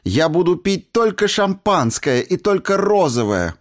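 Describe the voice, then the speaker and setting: A man voicing a loud, spoiled young newlywed woman who squeals and gushes. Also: big pitch swings, measured pace. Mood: boastful. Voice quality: squealing, shrill.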